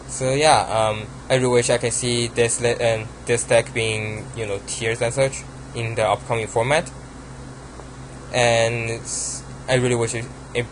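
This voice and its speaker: A young man with a Chinese accent and a medium-pitched voice gives a casual profile of his card game deck, hesitating with many ums and restarts. The audio is poor, carrying a little hiss or hum.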